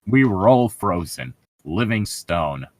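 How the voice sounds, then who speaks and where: A man co-hosts a laid-back book commentary, reading and critiquing as he curses openly and wanders through explanations peppered with "like." He speaks slowly in a voice on the low side with big pitch swings, recorded dry.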